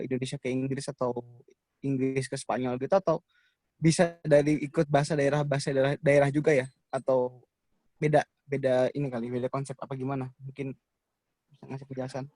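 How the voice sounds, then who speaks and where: A man's voice: a little high, darkish tone, dry recording, low-quality recording. A young male student asking questions in a casual class discussion, searching for his words.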